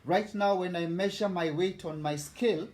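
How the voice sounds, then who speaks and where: A man's voice: high voice, moderate pace, a little mellow, reverberant. A man in his forties with a Kenyan accent, hosting a casual live cooking vlog in a chatty, boastful way and greeting viewers by name. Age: 40s. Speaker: host.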